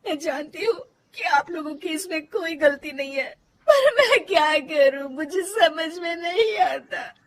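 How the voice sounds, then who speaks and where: A woman voicing a tearful, angry young wife in a cartoon story, with a shrill, sobbing delivery. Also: moderate pace, few pauses, pushed and bright, a little hiss or hum.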